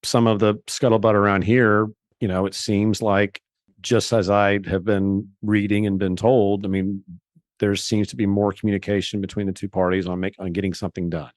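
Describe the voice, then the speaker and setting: A man with a fairly low voice answers as a guest in a conversational interview. He explains in a measured way, often restarting his sentences. The recording is close and dry. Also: level tone, dry recording. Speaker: guest, investor.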